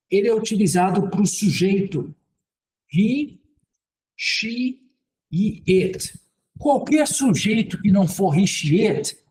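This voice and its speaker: A Brazilian man teaching English grammar in Portuguese, explaining step by step in a relaxed, conversational way and often checking in with "ok, gente". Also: high voice, slight background noise. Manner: conversational, repeats "ok, gente" and "então". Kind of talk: casual spoken lesson at a board.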